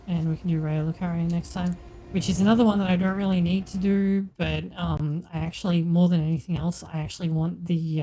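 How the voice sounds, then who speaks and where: A woman's voice: lowish voice, warm tone, poor audio. A woman game streamer giving casual commentary as she plays, thinking aloud in a hesitant way.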